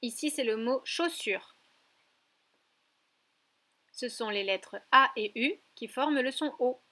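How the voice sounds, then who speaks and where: Slow, clear-spoken woman teacher. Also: high voice, pushed and bright. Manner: slow and clearly articulated, addressing a child directly. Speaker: preschool teacher. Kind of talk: recorded lesson for young children.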